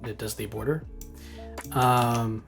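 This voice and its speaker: A man explains his engine code as he writes it, thinking aloud and stopping often to restart a sentence. His voice sits at an ordinary middle pitch. Faint music plays quietly behind him. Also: steady tone, slow, vocal fry. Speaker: game engine programmer. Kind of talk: live coding walkthrough.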